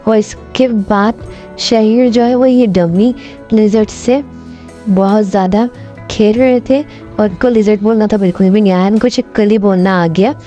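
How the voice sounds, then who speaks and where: A woman gives a casual voice-over for a home vlog. Her voice is mellow and warm, and she explains things plainly as she tells the story. Soft music plays faintly underneath. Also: medium pitch, steady tone, a little slow, highs cut off. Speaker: vlog narrator.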